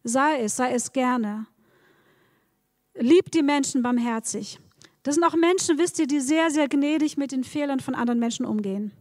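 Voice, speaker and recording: A woman's voice: high-pitched, normal speed, darkish tone, no room sound, studio quality, long reverb tail. A woman preaching a sermon, speaking straight to her congregation with encouraging words and frequent repetitions. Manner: encouraging, addresses the congregation directly, repeats words.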